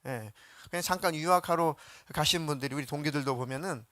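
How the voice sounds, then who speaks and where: Male pastor, sermon, higher voice, dramatizes quotes, dry close sound. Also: fast, no room sound. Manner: animated, acts out biblical quotes in voices; asks the congregation questions.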